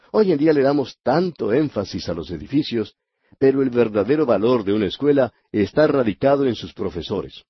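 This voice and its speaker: A man teaching a Bible passage as a radio sermon, measured and earnest, pausing for emphasis. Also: on the low side, breathy edge, dry recording, lo-fi sound.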